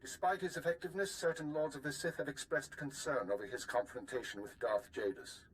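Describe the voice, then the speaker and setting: A man playing a stern official who dictates a formal directive with measured authority in a video game. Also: medium pitch, fairly bright tone, slight background noise, lightly acted, poor audio.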